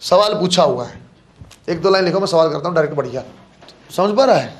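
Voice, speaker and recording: A man with a slightly high, expressive voice talks quickly in a classroom lecture. Teaching physics to exam students, he calls them "beta" and "bachhon" and poses questions he then answers himself.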